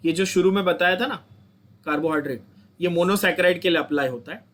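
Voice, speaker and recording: A fast, high-pitched, somewhat bright male voice belongs to a young Indian man teaching chemistry in an online lecture. He urges his students on, restating points and asking them to echo them back.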